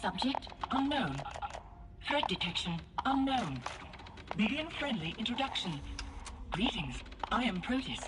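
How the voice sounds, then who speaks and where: A woman's voice: fairly high pitch, very animated, measured pace, heavy background noise. A woman voicing a damaged female security construct with a glitching robot voice, speaking in clipped single-word machine announcements.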